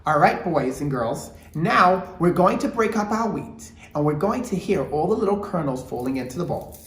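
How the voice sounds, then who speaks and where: A man in his thirties presenting an instructional children's show, with exaggerated sing-song emphasis and drawn-out words. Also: on the high side, lively intonation, a bit bright, slight background noise. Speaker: children's show host and rabbi. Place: indoor room with mock bakery set. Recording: roomy indoor echo.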